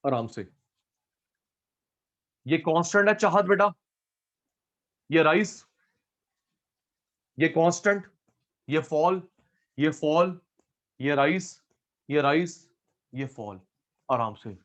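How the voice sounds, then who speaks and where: A man's voice: on the high side, animated, slow, pauses often, a bit bright. A man teaching an online economics class, repeating points and coaxing students by name.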